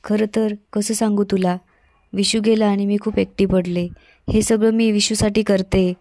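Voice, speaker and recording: A scheming young woman from a TV serial, a villainess who plots with quiet menace, as a woman narrator reads her lines. The voice stays level and flat, with a mellow, dark tone. The sound is close and dry. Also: medium pitch, normal speed, no room sound, natural voice. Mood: frightened. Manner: read in the narrator's own even voice.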